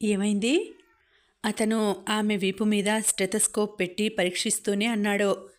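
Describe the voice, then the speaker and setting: A woman narrating an audiobook story in a steady, even reading voice. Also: medium pitch.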